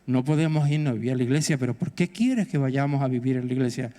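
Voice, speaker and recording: A man's voice: mid-range voice, fast talker, dark tone, close to an everyday voice. A preacher voicing a baffled father who refuses his daughter, with an exasperated manner. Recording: echoey church hall.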